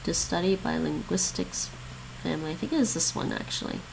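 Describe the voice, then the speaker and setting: Fairly low and creaky, her voice moves briskly against background noise. A woman raised in English and Chinese, she streams herself practicing languages, chatting casually, reasoning aloud, and saying foreign phrases back.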